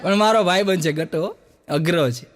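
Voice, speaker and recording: A man's voice: sits high, moderate pace, slight background noise. A middle-aged man telling jokes on stage and acting out the people in his stories. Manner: animated storyteller, voices quoted characters. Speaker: stand-up comedian. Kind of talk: Gujarati joke telling, acting out dialogue.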